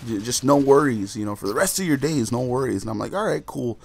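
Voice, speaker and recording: A man's voice: medium pitch, fast, gravelly, a little mellow. Rambling man telling a mock-serious story. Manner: rambling, heavy on "you know" fillers. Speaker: vlogger.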